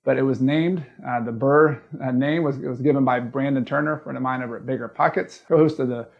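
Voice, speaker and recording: A real estate investing educator with a Southern US accent hosts a casual, plain-spoken video lesson, explaining things step by step. His mid-range voice is gravelly and fast with fairly even intonation, and the sound is lo-fi.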